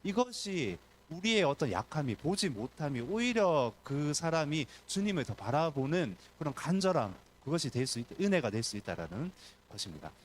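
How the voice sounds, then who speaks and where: A man's voice: fairly high pitch, normal speed, few pauses, a little hiss or hum. A man, a pastor, preaching a sermon at a church service and acting out the voices in the story. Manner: animated preaching, acts out crowd and beggar voices.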